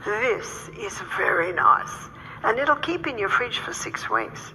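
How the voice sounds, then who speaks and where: A woman health educator telling stories in a lecture, animated and acting out the people she quotes. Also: on the high side, a little slow. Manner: animated, acts out quoted speakers. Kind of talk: storytelling lecture. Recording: reverberant hall with faint noise.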